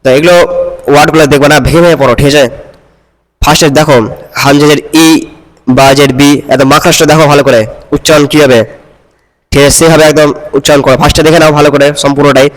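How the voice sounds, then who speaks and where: A man teaching Quran reading to a student, patiently correcting and repeating syllables slowly. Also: on the high side, little pitch movement, big-room sound, low-quality recording. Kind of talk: one-on-one reading lesson.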